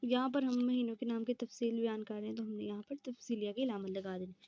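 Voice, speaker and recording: A woman's voice: fairly high pitch, fairly even intonation, fast, muffled recording. A woman teaching an exam-prep lesson, explaining step by step and answering her own questions.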